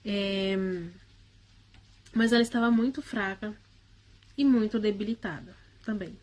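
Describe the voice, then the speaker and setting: Hesitant and a little slow, a woman at medium pitch and a steady tone tells, in her own words, of a personal spiritual experience. She keeps restarting and often tacks on tag questions as she talks casually.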